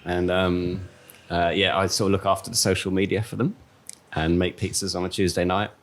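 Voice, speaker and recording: A man's voice: sits low, little pitch movement, normal speed. A man who runs social media for a pizzeria, introducing himself casually with hesitant fillers. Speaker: social media manager and pizza maker. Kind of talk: casual interview chat.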